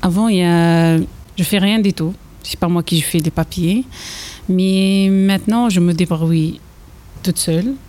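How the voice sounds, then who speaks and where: Algerian woman late 20s, kinda low soft-toned voice, broken french, telling her own story in an interview. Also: unhurried. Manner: broken, non-native French with grammar slips. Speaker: trainee interviewee. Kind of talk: personal testimony in interview.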